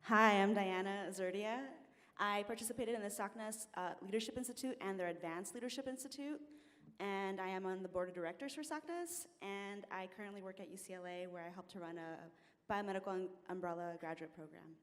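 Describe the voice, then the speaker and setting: A woman's voice: medium pitch, brisk, fairly bright tone. Woman introducing herself in a hall. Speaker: graduate program administrator. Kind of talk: self-introduction. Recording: hall reverb.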